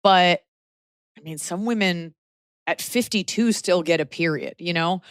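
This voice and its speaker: A woman's voice: on the low side, unhurried, clean tone, no echo, studio quality. A woman in her forties hosting a podcast, giving frank, emphatic advice in a casual chat. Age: 40s.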